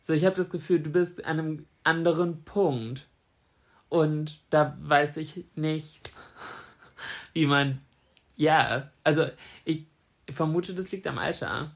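A woman's voice: deep voice, takes it slowly, pauses often. Young woman, podcast co-host, casual chat, blunt, teasing, talkative.

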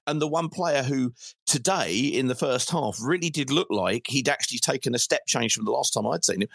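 A man's voice: medium pitch, animated, a little fast, gravelly, fairly bright tone, breathy edge, dry recording. A middle-aged man, hosting a casual football phone-in in a chatty, rambling way, repeating phrases for emphasis. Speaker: football fan show host.

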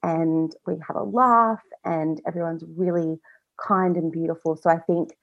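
Chatty woman guest, low and lo-fi. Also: steady tone, normal speed. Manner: chatty, many fillers and self-quotes. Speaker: podcast guest. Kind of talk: casual personal interview. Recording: slightly dull lo-fi audio.

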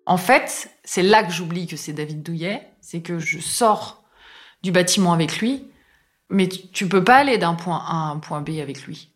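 A woman's voice: fairly low pitch, animated, moderate pace. Chatty middle-aged woman telling an anecdote. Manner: chatty, many fillers, acts out quoted dialogue. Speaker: storyteller recounting a personal anecdote. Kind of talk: casual spoken anecdote.

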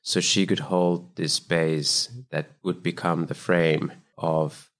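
A Finnish man, a founder and composer, telling his story in a thoughtful, measured way in a relaxed interview. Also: low voice. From Finland. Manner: thoughtful, measured, loose phrasing. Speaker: guest, startup founder and composer. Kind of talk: casual interview chat.

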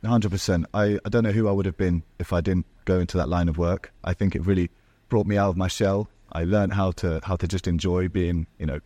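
Low-voiced man with an English accent. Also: steady tone, a little fast, warm tone, no room sound. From southern Spain. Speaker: guest, agency owner. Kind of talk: podcast interview.

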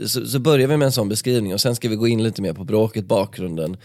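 A man's voice: on the low side, a little mellow, no echo. A man co-hosting a podcast in a studio, chatting and reading a book passage aloud with dramatic pacing. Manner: storytelling, reads with dramatic pacing. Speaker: podcast co-host. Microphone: studio microphone.

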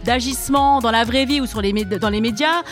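A woman hosting a casual commentary chat, relaxed and hesitant, often laughing between remarks. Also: on the high side, a little fast, faint music behind. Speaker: host.

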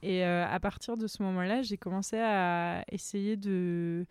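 A woman's voice: fairly low pitch, fairly even intonation, unhurried, a little mellow, clear, resonant tone, dry recording, clean studio sound. A woman from France, a photographer, chatting easily as a podcast guest with a self-deprecating manner and many hesitations. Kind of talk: casual interview chat. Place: podcast studio. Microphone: studio microphone.

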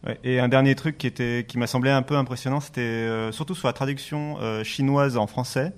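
A man's voice: medium pitch, fairly even intonation, a little fast, clean tone. Man thinking aloud in a tech chat. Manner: loose, thinking aloud with restarts. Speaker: podcast co-host.

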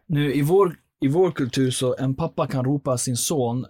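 A man, a podcast guest, telling his personal life story in an earnest, animated way, with frequent fillers. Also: mid-range voice, no room sound.

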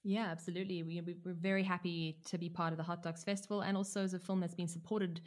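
A woman, a documentary filmmaker guest, answering hesitantly with many pauses and fillers. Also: fairly low pitch, little pitch movement. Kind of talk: interview answer.

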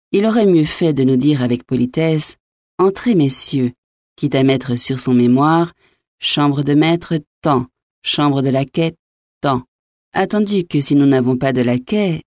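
A woman voicing a calm, patient young male nobleman, polite and even-tempered, in an audiobook reading. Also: low voice, no echo, clean studio sound.

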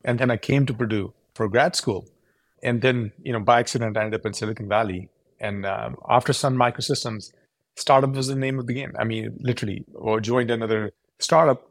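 A man in his forties, a Pakistani tech company founder, is interviewed as a podcast guest and explains things earnestly, restarting often. His voice is medium-pitched with fairly even intonation and a brisk pace, in a dry recording.

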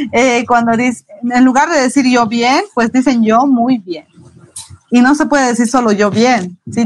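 A woman's voice: fairly high pitch, no echo, low-quality recording. Patient woman teaching Mandarin basics. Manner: patient, explains slowly with repeated examples. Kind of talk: live online language lesson.

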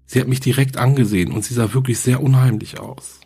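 A man reading as a lonely young girl who writes her diary to her dead mother, in a plain, quiet horror story reading. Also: mid-range voice, fairly even intonation, fairly quick, vocal fry, breathy edge. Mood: fearful.

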